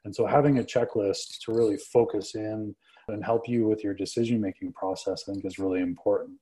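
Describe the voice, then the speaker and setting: A man answering interview questions as a panel guest over a video call, relaxed and thoughtful. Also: on the low side, a little fast, low-quality recording. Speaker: panel guest, digital museum leader.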